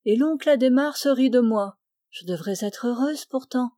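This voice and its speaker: Une femme lit les répliques d'une jeune femme taquine mais hésitante, d'une voix douce, dans un livre audio. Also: female voice, a little high, moderate pace, mellow, no echo, clean studio sound, natural voice. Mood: wistful. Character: young woman, teasing yet hesitant. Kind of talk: audiobook dialogue reading.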